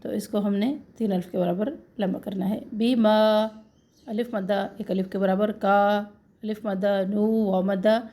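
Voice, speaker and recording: A woman with a Pakistani Urdu accent teaching Quran recitation, who patiently demonstrates words slowly and then corrects and explains them. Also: mid-range voice, steady tone, warm tone. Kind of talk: Quran recitation lesson, slow drawn-out recitation with quick explanations.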